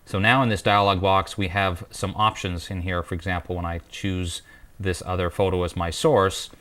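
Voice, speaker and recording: A man presenting a software tutorial in a calm, explanatory way, with small restarts. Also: low-pitched, moderate pace. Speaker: guest presenter.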